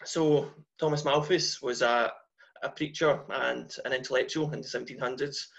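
A man in his twenties with a broad Scottish accent giving an online lecture in a deliberate, emphatic manner over a video call. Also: medium pitch, fairly even intonation, vocal fry, a bit bright. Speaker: guest lecturer, company founder. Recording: dull lo-fi video-call audio.

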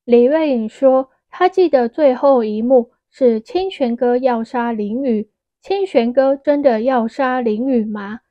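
A woman's voice: a little high, unhurried, dry recording, dull audio. Woman narrating a fantasy audiobook.

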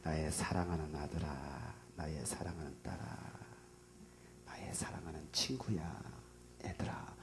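A man voicing a gentle, loving Jesus who calls out tenderly to his disciples in a hushed voice. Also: extremely low pitch, steady tone, unhurried, background noise, voice pushed down. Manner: soft hushed tender calling.

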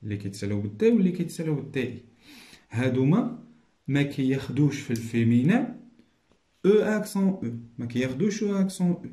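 A man with a Moroccan accent, teaching a primary school lesson. He repeats each point and often checks that the class is following. He drills the French words slowly. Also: medium pitch, big pitch swings, mellow, echoey room.

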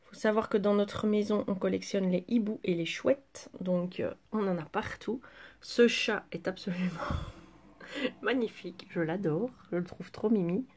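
A woman's voice: medium pitch, measured pace, a little mellow. Chatty woman showing her craft haul. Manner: chatty, hesitant fillers while handling items. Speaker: craft vlogger. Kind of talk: casual haul show-and-tell.

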